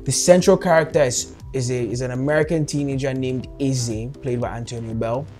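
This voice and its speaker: Male co-host, relaxed film talk, mellow tone, soft music underneath. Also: medium pitch, brisk. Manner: relaxed, emphatic with repeated phrasing. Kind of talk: casual movie review chat.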